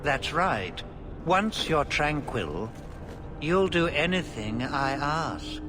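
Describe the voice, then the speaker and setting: Slow, cruel, taunting knight. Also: male voice, fairly high pitch, sing-song. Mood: cruel gloating. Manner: menacing, taunting, deliberate. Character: cruel, predatory Templar knight, sadistic bully. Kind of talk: video game voice acting.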